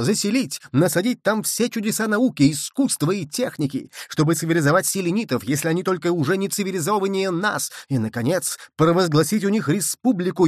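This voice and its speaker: A man's voice: fairly high pitch, no room sound, studio quality. A man reading an audiobook and voicing Michel, a boastful, hotheaded adventurer who bellows his claims. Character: excited shouting male lunar adventurer. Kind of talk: audiobook character voice.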